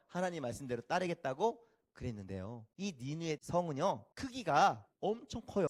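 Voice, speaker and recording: A male pastor giving a Sunday sermon, asking the congregation questions and acting out pleading prayers. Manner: acts out Jonah's pleas in a rising voice, then drops low.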